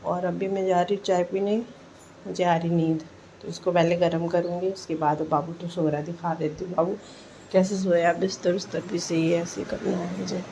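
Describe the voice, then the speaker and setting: A young woman chatting casually at home in a vlog, talking slowly and softly as she wakes up. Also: lowish voice, poor audio. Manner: sleepy, slow and soft-spoken. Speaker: vlogger. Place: dim home at morning. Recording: steady background noise. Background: rain.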